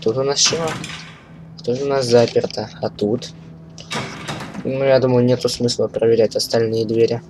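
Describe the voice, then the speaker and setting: A man's voice: medium pitch, flat delivery, normal speed, pauses often, background noise. Man with burred r's, game streaming. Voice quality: burr, has trouble pronouncing his r sounds. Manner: profane, stumbles while reading aloud. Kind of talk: casual gaming commentary, reading on-screen text aloud.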